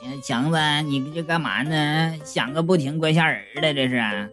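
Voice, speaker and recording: A storyteller voicing a complaining old neighbor woman in a low, hushed tone. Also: moderate pace, faint music behind, close to an everyday voice. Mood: nosy.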